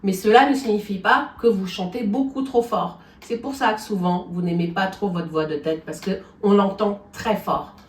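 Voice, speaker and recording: A woman's voice: medium pitch, normal speed, few pauses. A woman vocal coach gives a singing lesson, explaining things step by step and often checking in with her students. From France. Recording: echoey room, from a distance.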